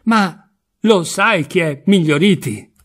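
A man's voice: on the high side, lively intonation, normal speed, a bit bright. A man reading a story aloud, voicing a furious, touchy man who sputters aggressively. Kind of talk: literary audiobook reading.

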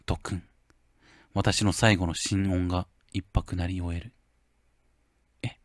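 A male game streamer playing a horror game, reading the story text softly and breaking into loud, excited outbursts between lines. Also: sits low, takes it slowly, no echo, clean studio sound. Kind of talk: horror game playthrough, reading dialogue aloud with commentary.

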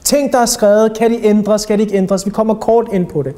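A man giving a religious lecture to young people as an Islamic teacher, talking animatedly and putting rhetorical questions to his listeners. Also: high-pitched. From Denmark. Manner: animated, addresses audience directly with rhetorical questions.

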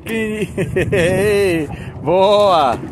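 A chatty fishing host with a fairly high voice, eager and quick to laugh. He talks outdoors on a boat at sea, with heavy wind and engine noise rumbling over the mic. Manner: chatty, excited, laughs often. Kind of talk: casual on-camera fishing chat.

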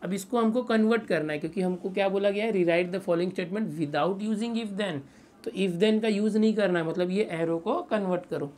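A man with a high-pitched, slightly mellow voice teaches a maths lesson, patiently going through each step. He asks rhetorical questions and reads English statements slowly, word by word.

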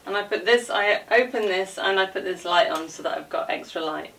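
A vlogger in her forties talks briskly in a lowish, creaky, fairly bright voice while touring a small dressing room in her home. Her chatter is casual and informal, full of rambling asides as she moves about showing things. The camera sits a few feet away, so its mic sounds distant and picks up background noise and clicks.

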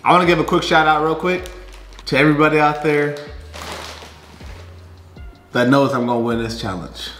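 A man's voice: on the high side, steady tone, normal speed, long pauses, fairly bright tone, roomy sound, faint music behind. A man co-hosting a casual challenge vlog, teasing and laughing often. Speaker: vlog co-host.

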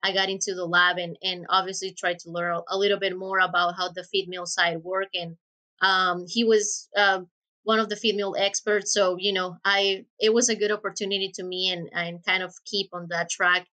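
Honduran-accented woman, bright voice. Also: lowish voice, level tone, moderate pace. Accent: Honduran Spanish. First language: Spanish. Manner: thoughtful, many hesitations and restarts. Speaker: guest researcher. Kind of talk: interview answers. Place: office with window blinds. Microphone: webcam video call.

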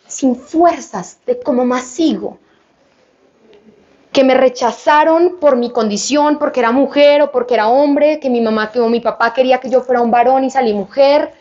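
High-voiced woman preaching with fervor. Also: dark tone, highs cut off. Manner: fervent, addresses listeners directly with questions. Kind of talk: sermon at a healing retreat.

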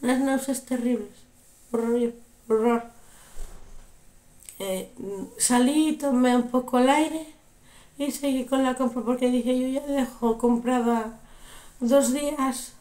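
A young woman, telling a story casually in a vlog with animated, repeated exclamations, sounding unwell. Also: high voice, slow pace, pauses often, echoey room. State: unwell, recovering from illness. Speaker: vlogger.

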